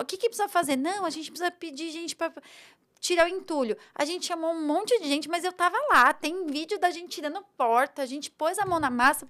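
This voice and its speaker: High-pitched brazilian woman on a podcast, animated storyteller, gets emotional, quotes herself a lot. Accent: Brazilian Portuguese. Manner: animated, emotional, quotes her own thoughts. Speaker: podcast guest, entrepreneur.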